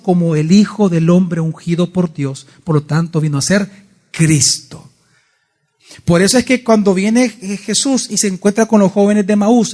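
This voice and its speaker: A male pastor gives a Bible study sermon in church. His voice sits high for a man, and he keeps stopping to put questions to his listeners. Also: darkish tone. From El Salvador. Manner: asks the congregation frequent questions.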